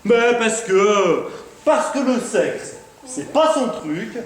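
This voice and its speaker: A man's voice: sits high, animated, slow pace. A man on stage playing an indignant, flustered cheating husband who sounds exasperated. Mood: scornful. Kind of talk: live stage comedy acting. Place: theatre stage in a hall. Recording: very echoey live hall recording.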